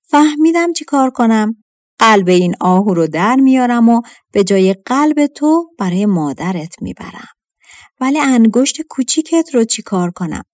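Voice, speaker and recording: A woman's voice: medium pitch, lively intonation, dry recording, studio quality, lightly acted. A woman voicing a loyal, kind old male servant who pleads anxiously in a storybook tale. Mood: relieved. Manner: frightened, pleading, emphatic.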